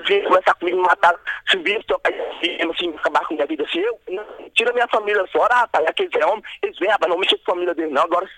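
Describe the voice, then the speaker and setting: A man's voice: sits high, lively intonation, rapid-fire, sharp tone, no echo, low-quality recording. A man from Brazil, calling in by phone to a radio show, talking in an agitated, rambling, repetitive way. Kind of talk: phone-in talk. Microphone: phone line.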